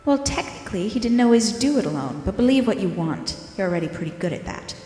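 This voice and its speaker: A woman's voice: mid-range voice, very animated, quick pace, dark tone, echoey room, long reverb tail, faint music behind, close to an everyday voice. A woman playing a sassy, cynical bat spy in a scripted audio drama, with a sarcastic, sardonic way of talking. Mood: irritated, mocking.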